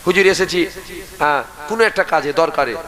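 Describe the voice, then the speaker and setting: A man's voice: on the high side, a little fast, pushed and bright, rough recording. A man preaching a sermon. He urges the crowd to answer him aloud and leads them in chanted prayers.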